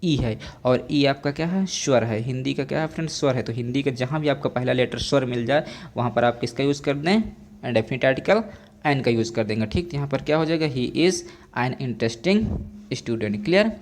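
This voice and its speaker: A young male teacher giving an exam-prep grammar lesson. He keeps asking the class questions, repeats answers slowly and calls his listeners friends. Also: medium pitch, a little hiss or hum.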